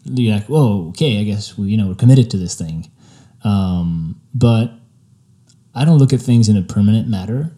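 A young photographer from Spain, French-accented, chats in an easygoing, reflective way during his interview, leaning often on fillers. His pitch sits fairly low and his pace is moderate.

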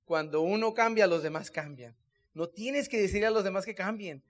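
A man giving a motivational talk on a convention stage, excitable and joking as he urges the crowd on. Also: high-pitched, normal speed. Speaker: speaker at a business convention.

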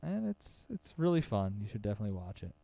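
A man chatting casually about movies, lively and swearing freely, often trailing off and restarting. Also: lowish voice, fast, vocal fry, no room sound.

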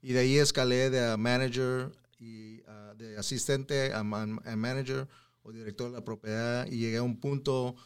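A man's voice: medium pitch, steady tone, moderate pace, clear, resonant tone. A man in his thirties from Houston, Texas, a podcast guest talking casually in Spanish and dropping in English words. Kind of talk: casual interview chat.

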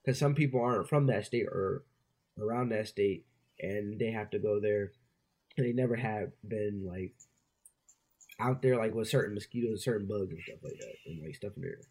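A man's voice: on the low side, normal speed, darkish tone, husky. A young man, a podcast co-host, casually telling a story with loose slang. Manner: loose, slangy, lots of "bro".

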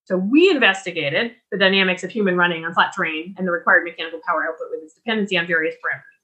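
A woman giving a recorded lecture on writing, explaining clearly and restarting her sentences as she talks. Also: fairly low pitch, racing, sharp tone. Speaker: writing instructor.

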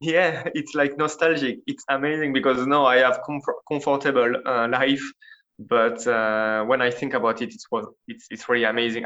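French-accented man, halting and slightly muffled. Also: mid-range voice, fairly bright tone. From France. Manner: halting, searching for words, laughs often. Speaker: guest, blacksmith. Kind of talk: casual interview.

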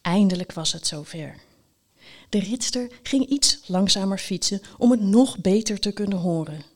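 A woman narrating a children's story in a lively, playful way with dramatic pauses. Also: medium pitch.

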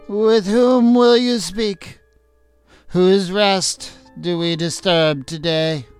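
A man's voice: sits high, steady tone, extremely slow, smooth, faint music behind, voice pushed up. A man voicing an old female witch who acts as a medium, speaking in a strained, dramatic voice. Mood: wary.

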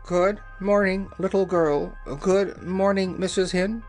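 A reader voicing a hoarse, creaky clockwork copper man who talks in one flat tone, with slow, even, mechanical delivery. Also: medium pitch, soft background music, natural voice. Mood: polite.

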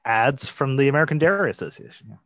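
A man co-hosting a podcast in casual chat, animated, laughing now and then and acting out what he once thought. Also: medium pitch, quick pace, no echo. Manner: animated, laughs, acts out quotes. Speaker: podcast co-host. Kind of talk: casual chat about a TV episode. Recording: dull lo-fi dry sound.

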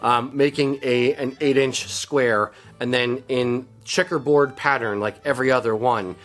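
A man's voice: mid-range voice, steady tone, unhurried, a bit bright, faint music behind. A man co-hosting a podcast, chatting casually and telling stories full of ums and teasing asides. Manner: rambling storyteller with frequent ums and teasing asides. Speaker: podcast co-host. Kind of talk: casual chat.

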